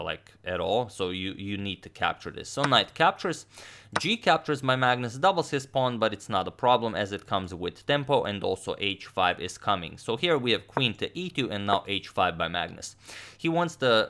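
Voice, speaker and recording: A man in his thirties giving chess game commentary, explaining move by move in a halting delivery. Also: deep voice, bright, forceful tone. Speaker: chess commentator, channel host. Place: small room indoors.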